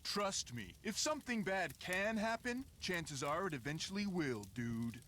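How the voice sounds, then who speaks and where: An actor playing a folksy, boastful middle-aged construction worker in a mystery game, with a Canadian accent. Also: male voice, sits high, lively intonation, unhurried, sharp tone, slight background noise, exaggerated voice. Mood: gruff. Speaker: game character.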